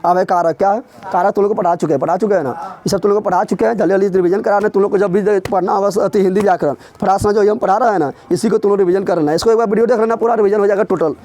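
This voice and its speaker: A man teaching a grammar revision lesson in a classroom, drilling his students with quick repeated questions. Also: high-pitched, fairly even intonation, mellow, a little hiss or hum.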